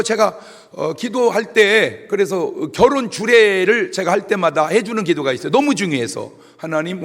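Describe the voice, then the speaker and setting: A middle-aged man pastor giving a humorous sermon, telling stories and acting out shouted voices. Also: high-pitched. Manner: animated storytelling with jokes and shouted imitations. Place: church sanctuary. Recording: long reverb of a church hall.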